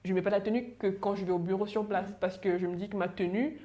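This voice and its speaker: A woman from Cameroon, a guest in a panel discussion, speaking reflectively with quick restarts. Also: mid-range voice, steady tone, mellow. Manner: talks fast, reflective, with frequent restarts. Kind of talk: casual discussion.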